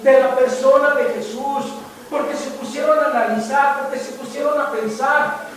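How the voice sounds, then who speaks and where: A man preaching with a strikingly high voice, emphatic and quizzing his listeners. He sounds distant from the mic, in a very echoey church hall with faint noise behind. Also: fairly even intonation, moderate pace. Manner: emphatic, asks the congregation questions. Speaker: pastor. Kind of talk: sermon with congregation questions.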